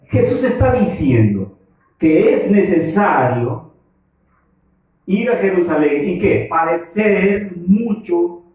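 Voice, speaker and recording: A man's voice: high voice, a little mellow. A man preaching a sermon as pastor, emphatic and putting questions to the congregation. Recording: echoey hall from far off.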